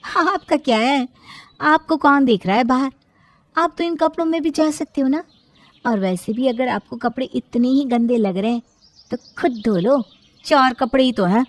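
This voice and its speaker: A woman voicing a sarcastic, dismissive young sister-in-law in an animated storybook. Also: high-pitched, normal speed, slight background noise, voice pushed up, lightly acted.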